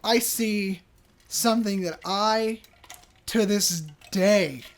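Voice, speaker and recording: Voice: mid-range voice, slow. Chatty podcast host telling a story. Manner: animated, acts out quoted people in the story; chatty, many fillers and restarts. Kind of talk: casual storytelling.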